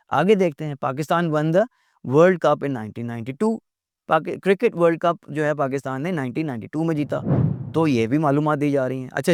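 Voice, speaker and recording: A man teaching English in a recorded lecture. He asks rhetorical questions, repeats his points and reads out the English examples slowly. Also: fairly high pitch, a little mellow, dry recording, studio quality.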